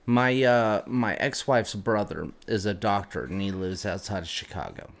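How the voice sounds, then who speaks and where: A man's voice: lowish voice, expressive, normal speed, vocal fry. A man from Utah in casual chat, joking bluntly and swearing often. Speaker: podcast guest, bartender.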